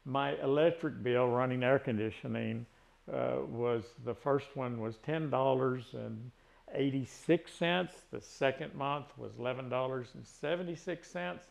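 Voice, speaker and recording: This retiree vlogger, a man in his sixties with a Tennessee Southern drawl, speaks a little slowly in a mid-range voice marked by vocal fry. His casual chat is rambling, full of restarts and fillers.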